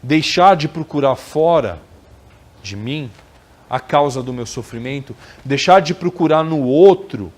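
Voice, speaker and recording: A man's voice: on the high side, expressive, a little slow. A man giving a conversational spiritual lecture at a spiritist center, often ending phrases with tag questions. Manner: conversational, frequent tag questions, acts out quoted dialogue.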